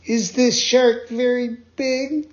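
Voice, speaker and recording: Puppet boy, high and pleading, eager and easily frightened, voiced by a man; dull lo-fi storybook reading. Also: measured pace. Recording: dull lo-fi sound.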